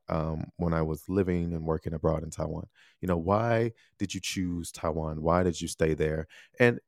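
A man in his thirties from the United States hosts a casual solo podcast, thinking out loud and tagging his sentences with lots of "you know" and "right?". His voice is low with some vocal fry, recorded as clean studio sound with no room echo.

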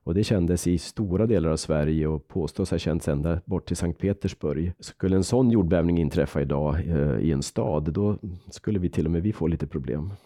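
A man guest on a podcast, explaining quakes in a measured way with frequent restarts. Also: low voice, warm tone, no room sound, clean studio sound. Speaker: seismologist guest.

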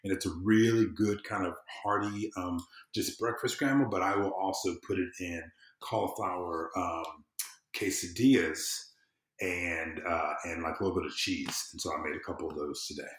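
A man from the American South chats casually and emphatically as a podcast guest in an interview. His low-pitched voice has fairly even intonation and a moderate pace. The recording sounds roomy and echoing.

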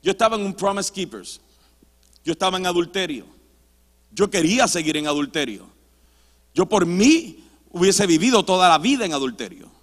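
A man with a strikingly high voice preaches a sermon that mixes in personal testimony, emphatic and moving between loud and hushed delivery. His voice carries a long reverb from the church sanctuary, as if heard across a big hall. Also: expressive, moderate pace, long pauses. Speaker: pastor.

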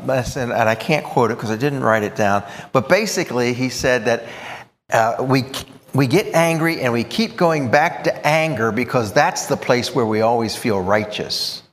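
A man preaching a sermon, emphatic and expressive, explaining scripture with thoughtful asides. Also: medium pitch, in a large hall.

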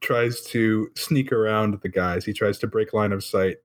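A man with a lowish voice plays in a tabletop role-playing game. He explains his character's plans casually, dropping quick jokes along the way. His delivery is relaxed and chatty. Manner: joking, quick asides. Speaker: player.

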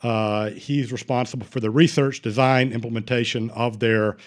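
Man, podcast host, casual, hesitant, lots of fillers, medium pitch. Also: steady tone, normal speed. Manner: hesitant, many fillers and restarts. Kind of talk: casual interview hosting.

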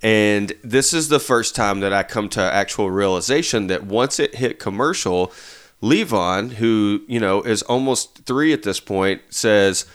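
A man's voice: lowish voice, measured pace, clear, resonant tone. A man in his thirties co-hosting a casual chat show, rambling with plenty of fillers. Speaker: podcast co-host.

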